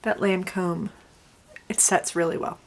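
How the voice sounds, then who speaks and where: A young beauty vlogger from Connecticut and the US South, with a slight Southern accent, chats snarkily through a get-ready-with-me makeup video and mutters asides. Her fairly low voice is creaky, fairly even, and measured in pace.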